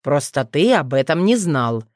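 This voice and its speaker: Nathan, a woman voicing a gentle dragon father. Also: measured pace, no room sound, studio quality. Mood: calm, reassuring. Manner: low, steady, reassuring. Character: dragon father, grown man, calm and gentle. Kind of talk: audiobook reading.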